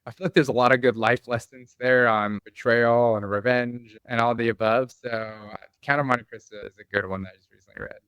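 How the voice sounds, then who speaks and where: Bright-voiced man guest on a podcast. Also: medium pitch, steady tone, fairly quick, hardly any pauses, clean tone, dry recording. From Bosnia and Croatia area. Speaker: guest, company founder. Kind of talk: conversational interview.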